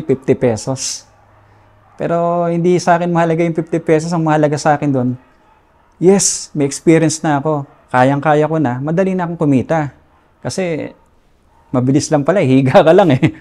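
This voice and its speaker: A man's voice: on the high side, steady tone, fairly quick, mellow. A man in his forties from the Philippines, candidly telling his personal story as an interview guest and acting out remembered dialogue. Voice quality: casual confessional tone with reenacted dialogue.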